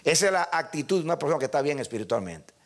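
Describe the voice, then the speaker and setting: Older pastor guy preaching, raspy gravelly tone, slightly high voice, really animated. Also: racing. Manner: emphatic preaching, directly addressing the congregation. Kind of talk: sermon.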